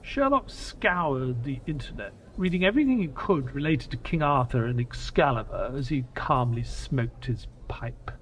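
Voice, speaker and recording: An actor playing Doctor Watson in an audio drama, the skeptical, grumbling companion of a detective who also narrates, with a husky, expressive delivery. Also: male voice, medium pitch, moderate pace, few pauses, slight background noise, natural voice, poor audio. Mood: narrating. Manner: exasperated, expressive storytelling.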